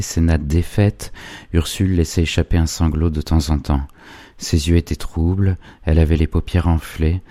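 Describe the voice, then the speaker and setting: Deep mellow guy reading an old novel aloud, steady and calm, dry close sound. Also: dry recording. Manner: measured, even literary reading. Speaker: audiobook narrator. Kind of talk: scripted narration of a classic novel.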